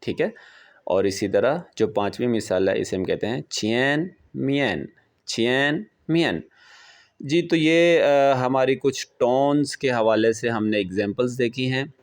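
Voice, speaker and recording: A man teaching a beginner language lesson, explaining patiently and slowly repeating example words. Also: medium pitch, a little mellow.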